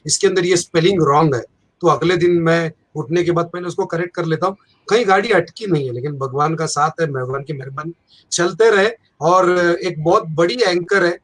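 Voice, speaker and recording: Man, fairly high voice, anchor. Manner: storytelling, self-deprecating humor. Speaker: event anchor. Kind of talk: casual panel chat.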